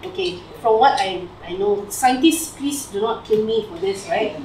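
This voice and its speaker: Her mid-range, darkish voice is animated and at normal speed. A young Malaysian woman with a Malaysian English accent, she shares her PhD research with friends in an informal living-room talk, slide on the TV, chatty with many fillers and phrases ending in "lah" and "right?". A camera far across the room yields roomy, distant audio with faint hiss.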